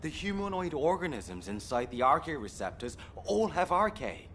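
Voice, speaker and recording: A man's voice: fairly high pitch, big pitch swings, normal speed, fairly bright tone, a little hiss or hum. An actor playing an anguished young man in a video game, pleading with his captain in an exasperated, emotional way. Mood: urgent, pleading. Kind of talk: dramatic video game voice acting. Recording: music playing behind.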